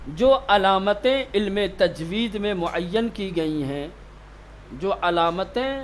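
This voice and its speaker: A man teaching tajweed in a classroom, asking his students questions and answering them himself, slowing down to repeat key terms. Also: high voice, slight background noise. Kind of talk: classroom lecture.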